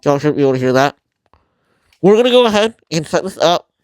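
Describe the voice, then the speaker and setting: A man hosting a casual tutorial vlog, talking informally and haltingly through a mask that muffles his mouth, often apologetic. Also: fairly high pitch, very animated, clear, resonant tone, faint music behind. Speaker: video host.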